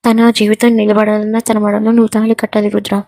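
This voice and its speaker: A woman's voice: medium pitch, monotone, fast talker, creaky, warm tone, no room sound, clean studio sound, close to an everyday voice. A woman reading a firm, outspoken young woman. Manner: firm, commanding.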